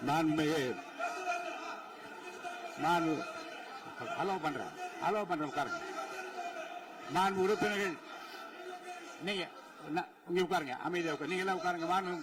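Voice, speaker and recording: A man's voice: a little high, moderate pace, long pauses, distant mic. A man chairing a legislative assembly session, firmly and repeatedly telling members to sit down. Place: state legislative assembly hall.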